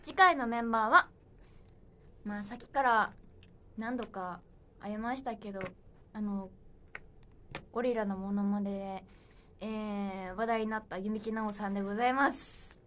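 A woman's voice: medium pitch, steady tone, moderate pace, fairly bright tone, a little hiss or hum. A young woman in her twenties hosting a solo livestream, chatting playfully and reading viewer comments aloud. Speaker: idol livestream host. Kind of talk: casual livestream chat.

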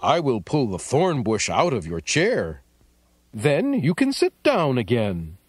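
A storyteller voicing a kind policeman in a plain, gentle voice, over soft music. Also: mid-range voice, wildly swooping pitch, slow pace. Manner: gentle, reassuring.

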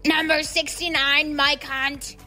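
A high, bright, sharp-edged automated announcer calling out ticket numbers, as a woman puts it on. It sounds a little distant, with soft music underneath. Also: level tone, slow, heavily acted. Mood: announcing.

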